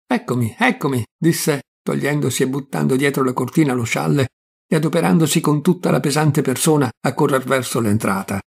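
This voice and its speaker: An Italian man reading a literary short story aloud in a measured, expressive way, with a husky, gravelly voice. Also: medium pitch. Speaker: audiobook reader.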